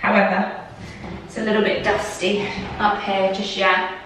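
A woman in her twenties giving a chatty, excitable house-tour vlog of her renovated bathroom, filmed on a handheld camera. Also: mid-range voice, measured pace, slight background noise. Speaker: vlogger. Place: empty bathroom under renovation, indoors. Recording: echoey bare room.

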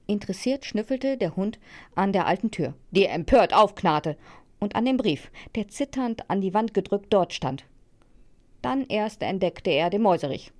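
A woman narrating a children's fairy tale in a calm storytelling voice. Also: mid-range voice, moderate pace.

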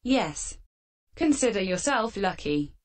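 A woman hosting a fan Q&A with sarcastic, deadpan answers, her voice run through a metallic filter. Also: mid-range voice, slow. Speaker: channel host answering fan questions. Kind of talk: scripted comedic Q&A.

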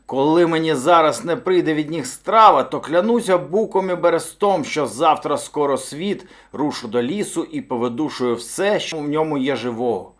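A man's voice: medium pitch, unhurried. A man voicing a hungry, furious male bear who roars and blusters in a storybook tale. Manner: roaring, blustering shouts. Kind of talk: storybook read-aloud.

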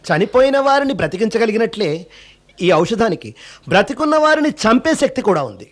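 A grave preaching guru in a devotional drama, high, swooping voice, music behind. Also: male voice, big pitch swings, fairly quick, full character voice. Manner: solemn, preaching. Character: calm wise male guru, preaching detachment.

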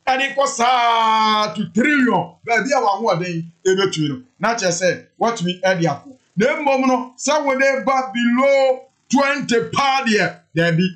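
A man in his thirties giving animated, emphatic commentary to camera from a room indoors. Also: very high voice, a little slow, few pauses. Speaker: online show host. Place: indoor room before a backdrop image.

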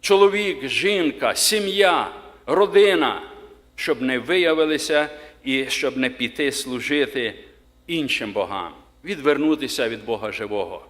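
A man's voice: medium pitch, a bit bright. Guy preaching a sermon, voice swings up and down a lot, long church reverb. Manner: emphatic, rising on key words, slows to read scripture.

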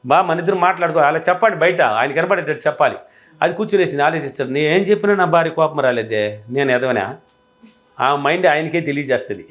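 A man's voice: on the high side, a bit bright. A man giving a motivational relationship-advice talk as a coach, emphatic and repetitive, acting out little dialogues between spouses.

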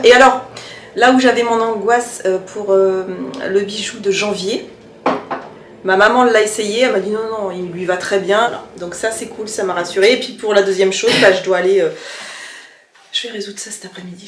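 A woman's voice: mid-range voice, moderate pace, slight background noise. French lady vlogging from a handheld cam while running errands, rambly and chatty, bit of faint ambience. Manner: chatty, rambling, breaks off mid-sentence. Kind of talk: casual vlog. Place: moving between a car, a supermarket and home. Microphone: handheld camera.

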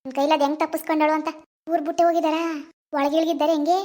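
A bossy, vengeful village woman rattles off indignant threats in a very high, quick voice, played by a woman in an animated cartoon drama. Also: lightly acted. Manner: scolding, indignant, rapid.

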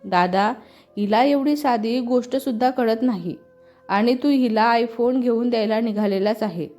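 A woman's voice: a little high, unhurried, dark tone, faint music behind, lightly acted. A woman voicing a mischievous young woman who bickers and trades teasing jabs with her sisters, in a read-aloud storybook. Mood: bickering. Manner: quarrelsome teasing.

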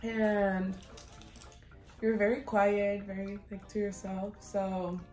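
A woman chatting casually as a guest in an eating video, soft-spoken and giggly. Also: medium pitch, little pitch movement, slow pace. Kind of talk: casual chat. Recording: roomy echo with faint music.

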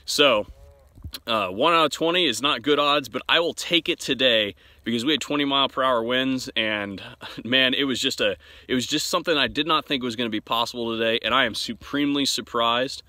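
A man's voice: mid-range voice, a little fast, pushed and bright, no echo. A man hosting a casual firearms demonstration outdoors at a shooting range, plainspoken and technical, talking straight to his viewers. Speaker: host.

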